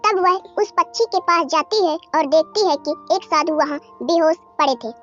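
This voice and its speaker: With gentle music in the background, a woman reads a children's story at an ordinary speed in an extremely high-pitched voice. The audio comes across a little muffled.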